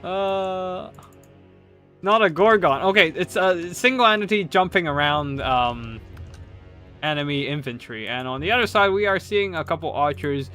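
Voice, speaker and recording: A man's voice: on the high side, expressive, normal speed, sharp tone, soft background music. A man casually commentating strategy game tournament replays, rambling with many fillers and restarts and swearing now and then. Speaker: game caster.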